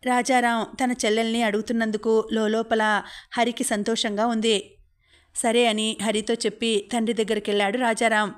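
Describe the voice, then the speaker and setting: A woman narrating a novel as an audiobook, reading in a steady, even way. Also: a little high, moderate pace.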